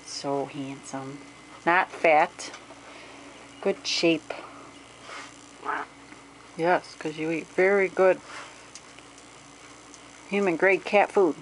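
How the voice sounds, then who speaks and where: A woman's voice: lowish voice, fairly even intonation, drawn-out words, long pauses, slight background noise, poor audio. A woman who runs a dog rescue, chatting and cooing baby talk at her cat and dogs at home. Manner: coos baby talk at pets. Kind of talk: casual pet video narration.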